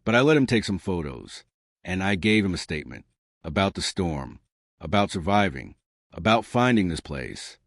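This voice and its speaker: A man voicing a grieving young widow, weary and guarded, speaking quietly and rawly. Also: low-pitched, sing-song, moderate pace, creaky, no echo, studio quality, full character voice. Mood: hopeful. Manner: quiet, raw.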